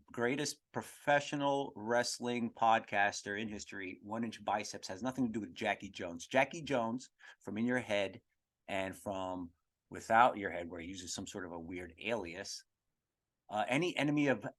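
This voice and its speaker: Hosting a podcast, a man delivers a casual, comedic monologue while answering questions, rambling, repeating himself for emphasis, and swearing freely. His voice sits lowish and sounds fairly bright.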